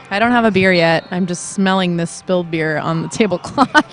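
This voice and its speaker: A woman doing live play-by-play commentary for roller derby, chatty and quick to laugh while joking with her co-host. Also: on the low side. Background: crowd at a live derby bout.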